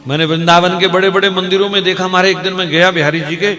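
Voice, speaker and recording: A man's voice: high-pitched, level tone, fast talker, sharp tone, faint music behind. A man preaching and telling a story in a sermon, in an impassioned, exhorting way. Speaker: devotional preacher.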